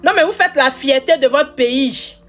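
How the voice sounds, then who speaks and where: A woman's voice: high-pitched, moderate pace, a bit bright, faint music behind. A woman from Ivory Coast hosting a live stream, teasing and scolding her viewers with much repetition. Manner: scolding, playful, repeats phrases.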